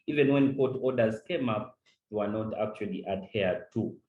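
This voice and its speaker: A Ugandan panel discussant gives earnest webinar remarks at normal speed, his voice fairly low in pitch, and he often repeats words as he launches into a point. The video-call sound is roomy, narrow and tinny.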